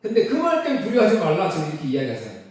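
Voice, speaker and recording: A man preaches in a church sanctuary, explaining scripture and putting rhetorical questions to the congregation. His voice is mellow and fairly high, with a lively rise and fall. It is picked up from some distance, with a heavy hall echo. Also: racing. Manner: explanatory, asks rhetorical questions and answers them. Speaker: pastor. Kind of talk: sermon.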